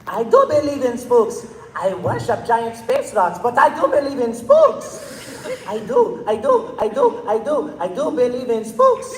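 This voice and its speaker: A man's voice: very high voice, sing-song, measured pace, heavily acted. A man voicing a timid, fearful male lion, chanting in a sing-song way. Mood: nervous chant. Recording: echoey hall from far off.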